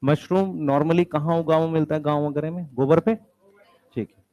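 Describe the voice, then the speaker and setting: A man's voice: fairly high pitch, steady tone, unhurried, dark tone. A male biology teacher lecturing a class, mixing English science terms into Hindi, asking questions and answering them himself, and calling for the students' attention.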